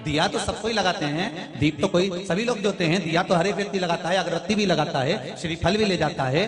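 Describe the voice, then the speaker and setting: A middle-aged man preaching a devotional sermon, exhorting his listeners and repeating phrases for emphasis. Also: sits high. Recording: devotional music playing behind.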